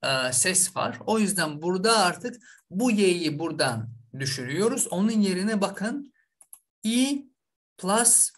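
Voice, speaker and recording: A man's voice: high voice, sing-song, a little slow, fairly bright tone. A man from Azerbaijan, teaching an online language lesson and drilling each word over and over, with a frequent "okay?" to check in. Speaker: English teacher.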